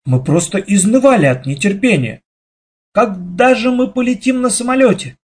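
A man narrating a children's story aloud with lively, dramatic storytelling. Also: sits high, normal speed, slightly rough. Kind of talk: expressive children's audiobook reading.

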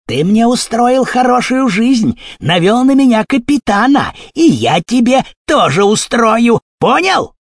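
A man's voice: sits high, very animated, unhurried, fairly bright tone, no echo, studio quality, voice pushed up, heavily acted. A man doing a sneering crook. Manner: mocking, sneering. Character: sly mustached male crook, jeering and vengeful.

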